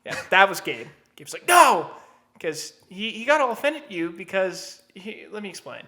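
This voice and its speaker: A man co-hosting a casual podcast, animated and swearing freely, dropping into muttered asides. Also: high-pitched, normal speed, a little hiss or hum. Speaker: podcast co-host. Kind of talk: casual chat.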